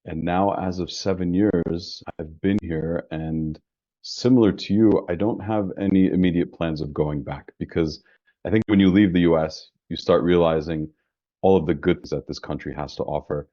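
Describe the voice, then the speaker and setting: At normal speed, a deep-voiced man from the New York metro area, an insurance business founder, chats as a guest in a casual interview. He's relaxed and talkative but restarts often, and the lo-fi sound carries no room ambience.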